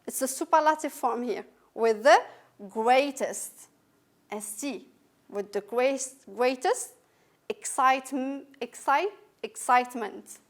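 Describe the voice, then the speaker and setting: Slow, high-voiced woman teaching English. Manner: slow, patient, repeats words and letters for learners. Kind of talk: recorded classroom lesson.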